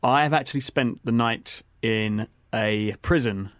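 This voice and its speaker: A man's voice: mid-range voice, a little slow, fairly bright tone, smooth, no echo, studio quality. A man co-hosting a travel podcast, telling stories in an easygoing way with lots of fillers. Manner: easygoing storytelling with frequent fillers. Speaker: podcast co-host. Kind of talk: casual travel chat.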